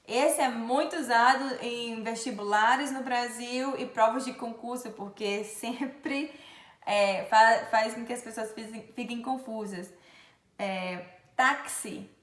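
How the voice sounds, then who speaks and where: A woman's voice: a little high, echoey room. A woman from Brazil with a Brazilian accent, teaching letter sounds in a pronunciation lesson and stretching out each example. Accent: Brazilian Portuguese. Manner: slow, drawn-out demonstration of sounds. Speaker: Portuguese teacher.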